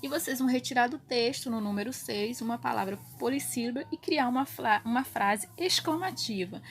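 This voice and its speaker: A woman's voice: fairly high pitch, fairly quick. A woman teacher giving a recorded grammar lesson to young children, explaining step by step and checking in often with her pupils. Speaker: primary school teacher.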